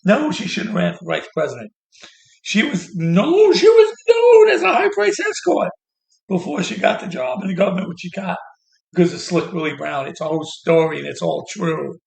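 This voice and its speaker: A man's voice: on the high side, fairly quick, gravelly. A man delivering a heated, sarcastic political rant as a commentator. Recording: echoey room.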